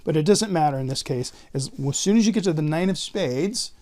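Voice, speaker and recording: A man's voice: fairly high pitch, animated, brisk, a little mellow. A man talking in casual card magician patter, explaining and counting aloud step by step like a tutorial presenter.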